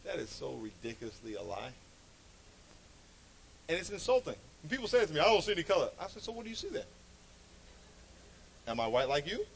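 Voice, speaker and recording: In this poor-quality audio, a man with a high voice preaches in an anecdotal, conversational style. He is animated and emphatic, using repetition of phrases to hammer his message.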